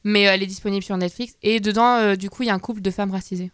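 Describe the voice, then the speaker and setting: A woman co-host chats casually on a radio talk show. Her delivery is low-key and trails off. Her voice is smooth, and the sound is dry and close. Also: steady tone, racing, dry recording. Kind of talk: casual chat.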